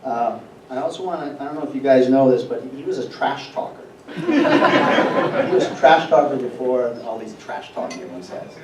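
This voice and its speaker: A man's voice: medium pitch, sing-song, normal speed. Man giving a chatty memorial speech in an echoey hall. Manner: chatty, repeats words, laughs often. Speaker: eulogy speaker. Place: event hall. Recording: echoey hall from far off, noisy.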